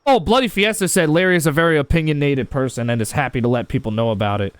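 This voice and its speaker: An American man hosts a live gaming stream, chatting casually with viewers in a higher-pitched voice at a quick pace. The recording is dry, and he often repeats and restarts his words.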